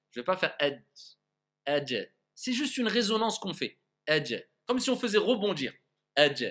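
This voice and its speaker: A man with a slightly high, sharp-toned voice teaches a classroom-style Quran recitation lesson. He is patient, demonstrates the sounds aloud, and often checks that his students understand.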